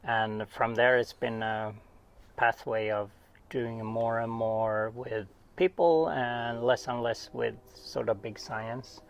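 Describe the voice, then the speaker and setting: Speaking slowly and steadily, a middle-aged oceanographer from Sweden with a Swedish accent talks as a guest in a small cabin, casual, rambling and self-deprecating with laughter and restarts. His medium-pitched voice is gravelly yet smooth.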